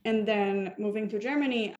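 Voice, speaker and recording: A woman's voice: medium pitch, moderate pace, a little mellow, dull audio. A woman in her thirties, from Israel, talking as a violinist guest in an interview, thoughtful with many fillers and restarts. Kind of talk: casual interview talk.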